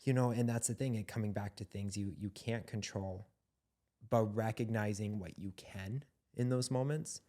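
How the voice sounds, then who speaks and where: A man's voice: lowish voice, normal speed, warm tone. A young man co-hosting a podcast, speaking in an earnest, reflective way as he searches for his words in a candid conversation. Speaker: podcast co-host.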